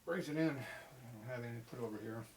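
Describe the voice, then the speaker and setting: A man's voice: medium pitch, fast, far from the mic. A man explaining machine work as he does it, thinking aloud in short, clipped phrases about his measurements. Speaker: motorcycle engine machinist. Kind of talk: hands-on workshop explanation, muttering measurements while working. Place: workshop. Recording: clearly noisy workshop, clicking tools.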